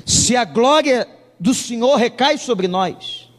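A man's voice: very high-pitched, expressive, takes it slowly, fairly bright tone, long reverb tail. A male pastor preaching a sermon, telling a humorous story and acting out the dialogue of its people.

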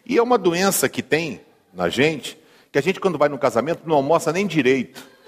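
Brief: Brazilian male pastor, funny storytelling sermon, a touch high, echoing church hall. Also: sing-song, brisk. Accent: Brazilian Portuguese. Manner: humorous, conversational, asks the congregation. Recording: long hall reverb.

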